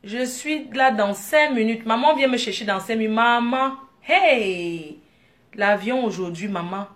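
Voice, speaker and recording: Woman vlogger, higher-pitched voice, lively laughing storyteller with excited outbursts. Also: measured pace. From Africa. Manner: animated, laughing, bursts into excited exclamations. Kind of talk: casual vlog storytelling.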